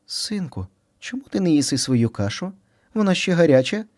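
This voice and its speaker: A man's voice: fairly high pitch, sing-song, moderate pace, pitched above the performer's own voice. A man doing a fretful mother hare. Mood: coaxing. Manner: coaxing, gently exasperated.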